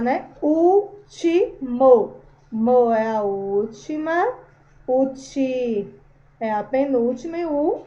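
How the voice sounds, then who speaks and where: A woman teacher walks her students through a grammar lesson in a patient, explanatory way, fond of little terms of affection. Her voice sits fairly high but sounds mellow and soft-edged. The recording is a bit dull and lo-fi.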